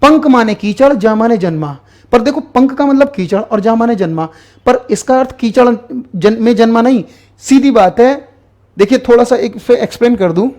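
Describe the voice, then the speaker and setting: A man with a fairly high voice teaching an exam-prep grammar lesson as he writes on a board. He goes over the definitions patiently and repeats the key terms. He asks the class a question and then answers it himself. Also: lively intonation, normal speed, darkish tone.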